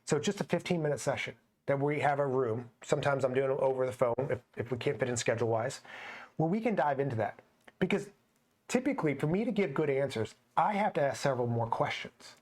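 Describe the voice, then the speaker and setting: This man talks fast in an expressive, mid-range voice with a darkish tone. As a personal trainer and co-host on a casual fitness podcast, he chats through anecdotes from his client sessions, often quoting what they said.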